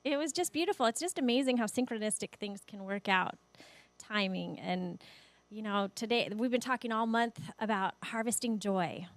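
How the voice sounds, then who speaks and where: A woman's voice: on the high side, normal speed, no echo. A woman in her forties giving a sermon in a church, telling personal stories in an emotional way and laughing often. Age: 40s. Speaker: guest speaker. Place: church sanctuary.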